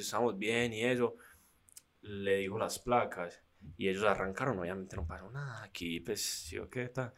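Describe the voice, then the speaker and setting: Young man telling slangy stories. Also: fairly low pitch. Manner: slangy, animated, acts out voices in anecdotes. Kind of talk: casual storytelling chat.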